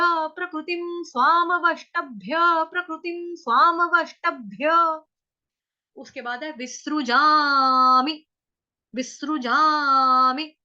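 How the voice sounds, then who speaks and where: A woman teaching Sanskrit verse chanting, repeating each syllable slowly and firmly correcting her class. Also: high voice, pushed and bright, muffled recording. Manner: slow drawn-out repetition of verse syllables; scolding latecomers firmly.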